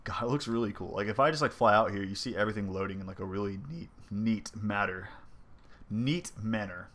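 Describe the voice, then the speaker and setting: A young indie game developer with a stuffy, congested voice thinks aloud casually while showing off his game engine in a devlog over gameplay. He talks briskly with a fairly low pitch and fairly bright tone, dropping plenty of ums and likes.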